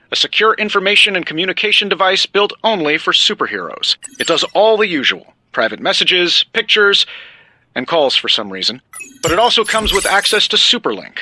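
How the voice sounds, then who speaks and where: A man with a high-pitched, exaggerated voice plays a flippant superhero inventor in a video game cutscene, sounding sarcastic and chatty with nervous bravado and hesitant asides. Loud music plays underneath the recording.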